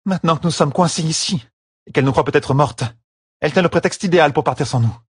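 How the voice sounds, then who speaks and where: A man voicing an anxious, determined young wife on the run, with tense, urgent speech and a husky tone. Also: on the high side, fast talker, dry recording, clean studio sound, voice pushed up. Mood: bitter.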